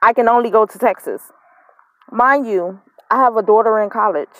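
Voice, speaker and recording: A woman's voice: on the high side, normal speed, a bit bright, no echo, muffled recording. A woman in her thirties telling the story of her custody fight straight to camera. She is frustrated and near tears, and she repeats her points with emphasis. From not from Mississippi, lived up north. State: emotional, holding back tears, smoking. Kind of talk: casual direct-to-camera vlog.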